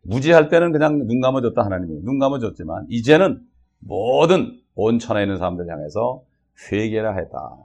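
A man delivering a sermon in a loose, conversational way. His voice is husky. He keeps turning to the congregation with short questions as he preaches. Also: lowish voice, very animated, brisk, darkish tone. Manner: conversational preaching with frequent "어?" and "예?" checks. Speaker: pastor.

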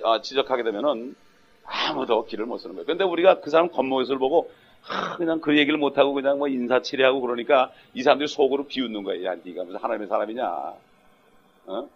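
Husky, fast-preaching Korean pastor man. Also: mid-range voice. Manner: emphatic, punctuates with rhetorical "eh?". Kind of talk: sermon. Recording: dull lo-fi sound.

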